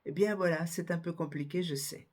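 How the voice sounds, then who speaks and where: A woman giving a spelling and pronunciation lesson, slowly spelling out letters and examples one by one. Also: on the low side, steady tone, darkish tone. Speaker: French teacher.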